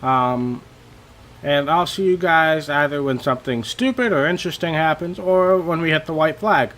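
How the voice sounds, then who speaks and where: A young man giving casual, rambling commentary over his racing game, a little hoarse and self-deprecating, with many fillers. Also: fairly high pitch, moderate pace, fairly bright tone. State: slightly losing his voice. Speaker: gaming channel host.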